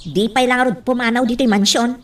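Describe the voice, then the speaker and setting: A woman's voice: fairly even intonation, fairly quick, distant mic, natural voice. A woman voicing a bossy, scolding lady of a mansion in a comic radio drama. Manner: scolding, shrill.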